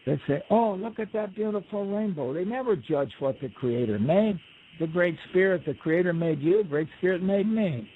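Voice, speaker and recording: A man's voice: high voice, lively intonation, moderate pace. A man guest telling stories in a folksy, rambling way, acting out quoted voices. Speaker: guest storyteller. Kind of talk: relaxed conversational storytelling. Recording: tinny phone line with faint hiss.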